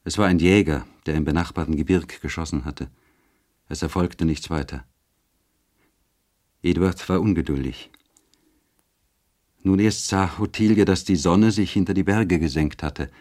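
A man narrating a classic novel as an audiobook, measured and expressive. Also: sits low.

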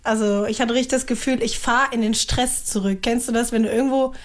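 A woman's voice: on the high side, fairly even intonation, a little fast. A woman in her thirties chatting casually as a mother, often laughing as she talks. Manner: chatty, laughs while talking. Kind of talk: casual chat.

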